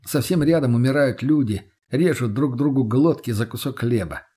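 Male audiobook narrator, husky, mid pitch, measured and steady.

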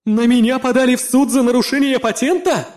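A cold, blunt female mithril golem, played by a male narrator, speaks in a grating metallic voice. Her tone is pitched very high yet dark and mellow, every word clipped and deadpan, as in a fantasy audiobook. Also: brisk.

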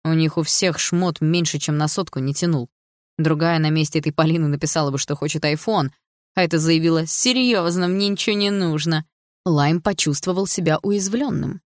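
A woman reading an audiobook in an even, storytelling way. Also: low voice, a little fast, no room sound, studio quality. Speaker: audiobook reader. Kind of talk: scripted narration.

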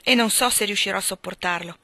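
A woman's voice: medium pitch, quick pace, sharp tone, no room sound. A woman reading aloud, voicing a ruined young nobleman who gambled away his fortune, dejected and pleading. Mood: despairing.

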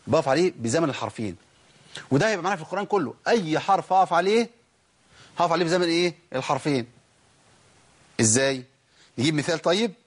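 A man with an Egyptian accent teaching Quran recitation, who asks the class questions, answers them himself, and draws out example words slowly. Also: a little high, breathy edge. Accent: Egyptian Arabic. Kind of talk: tajweed lesson.

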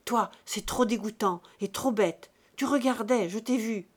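Lady reading as an old farmer, outraged, scolding loud, storybook voice. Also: a little high, unhurried. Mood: indignant. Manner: indignant, scolding. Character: angry old male peasant with cane.

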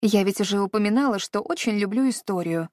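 Teasing young huntress voiced by a woman, mid-pitched, dry studio sound. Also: quick pace, darkish tone, dry recording, natural voice. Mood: innocent. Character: sly, playful young huntress.

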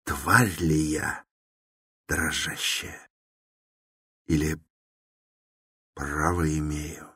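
A man's voice: rumbling low, level tone, extremely slow, long pauses, sharp tone, husky, no room sound, studio quality, heavily acted. A man voicing a tormented young man who speaks in an intense, brooding, confessional way, within a dramatic novel reading.

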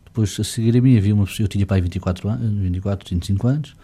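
A man's voice: fairly low pitch, very fast, warm tone, breathy edge. A middle-aged man with a slightly grainy voice, chatting reflectively as an interview guest with many restarts. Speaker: fado singer, guest. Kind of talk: casual interview chat.

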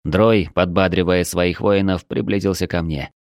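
A man narrating a first-person fantasy audiobook in a steady, measured way. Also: sits low, no echo, clean studio sound.

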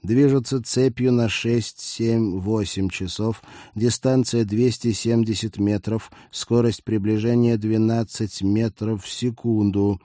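A man reading an audiobook voices a cold male cyborg soldier with a slow, even, half-robot delivery. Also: fairly low pitch, dry recording, studio quality, close to an everyday voice. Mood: methodical. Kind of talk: audiobook character voice.

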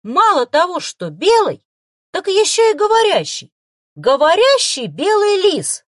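A woman reading an audiobook voices an excitable, awestruck young boy, eager and loyal, who talks breathlessly and squeals with delight, in a dry recording. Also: sits high, a little slow, no echo, voice pushed up, full character voice. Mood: excited.

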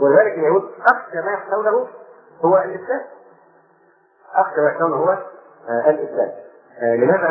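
Egyptian male preacher, brisk lecturing delivery, tinny lo-fi recording with audience behind. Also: on the high side. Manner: lecturing, repeating phrases for emphasis. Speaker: sheikh giving Quran commentary. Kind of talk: recorded religious lesson. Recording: tinny phone-like recording with crowd.

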